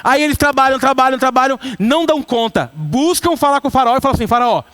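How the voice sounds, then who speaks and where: A man in his thirties from Brazil, a pastor delivering a lively sermon to his church and acting out quoted voices. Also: very high voice, fast talker. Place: church sanctuary.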